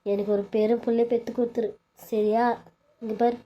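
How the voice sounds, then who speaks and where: A woman's voice: on the high side, flat delivery, fairly quick, lo-fi sound, natural voice. A woman voicing a scheming mother-in-law in a cartoon serial, who scolds one daughter-in-law and fusses over the other. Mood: coaxing. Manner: scolding and dismissive, then fussing and coaxing. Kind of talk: Tamil cartoon serial voice acting.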